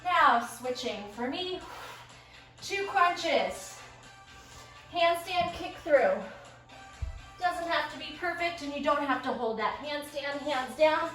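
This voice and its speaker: A female fitness instructor, out of breath in a small space, calls short upbeat cues to her workout class. Her voice is high and a touch bright, with lively intonation, a slow pace and frequent pauses. The room echoes, the mic sits far off, and music plays behind her.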